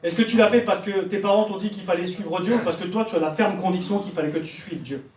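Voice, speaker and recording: Heard from far off in a reverberant church hall, this evangelist preacher presses a young audience with pointed questions. His voice is high-pitched and somewhat dark, and he speaks quickly.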